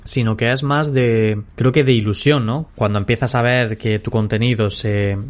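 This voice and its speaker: A young man from Spain with a Castilian Spanish accent hosts a solo podcast, chatting informally and rambling as he addresses listeners directly in slang. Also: mid-range voice. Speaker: podcast host and social media creator. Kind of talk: casual solo podcast chat.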